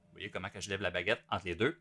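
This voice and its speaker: A man with a Québécois French accent teaching drums, explaining each step in a relaxed way as he demonstrates at the kit. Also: low voice, fast, over loud music. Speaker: drum teacher. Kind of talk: explanatory music lesson. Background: loud drum kit playing between phrases.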